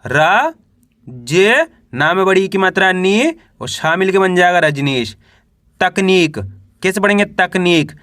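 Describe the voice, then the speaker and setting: A man teaching a reading lesson, slowly spelling out words syllable by syllable and then blending them, with frequent drill questions to the viewer. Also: high voice, animated, fairly bright tone, no echo, studio quality. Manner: slow syllable-by-syllable spelling with drawn-out vowels; repeats "how will we read it?" drills.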